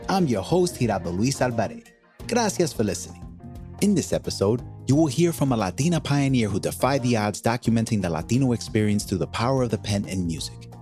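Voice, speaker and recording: A man's voice: medium pitch, lively intonation, a little fast, darkish tone, faint music behind. A man hosting a podcast, speaking earnestly and dropping in Spanish phrases as he introduces his guest. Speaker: podcast host. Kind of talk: scripted podcast introduction and interview.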